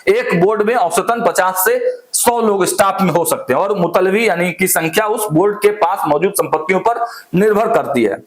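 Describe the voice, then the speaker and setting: A man commentating on political news, walking viewers through points step by step and speaking to them directly. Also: sits high. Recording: echoey room.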